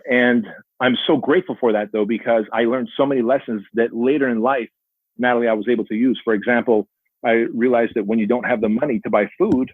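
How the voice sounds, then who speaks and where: Over a dry, tinny, phone-like line with no room sound, a podcast guest in his forties shares his life story earnestly in a storytelling interview. He grew up speaking Armenian in an Armenian family in the Soviet Union. His medium-pitched voice is husky and brisk, with fairly even intonation.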